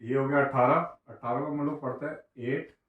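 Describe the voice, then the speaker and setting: A man teaching a beginner maths lesson, counting numbers aloud slowly, one by one. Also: medium pitch, steady tone, distant mic, narrow, tinny audio. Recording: echoey room, away from the mic.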